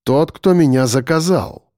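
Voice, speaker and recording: A man voicing a resolute male detective who speaks slowly and coldly. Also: on the high side, a little mellow, dry recording, clean studio sound, lightly acted. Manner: slow, cold, measured.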